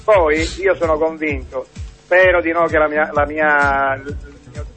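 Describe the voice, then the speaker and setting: Man, caller, halting, repeats words, indignant, faint music. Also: on the high side, steady tone, fairly bright tone. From Palermo, Italy. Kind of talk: football call-in opinion.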